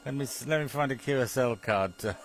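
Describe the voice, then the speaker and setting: A British man with a mid-range voice rambles and chuckles through a casual chat while operating an amateur television link, often muttering to himself.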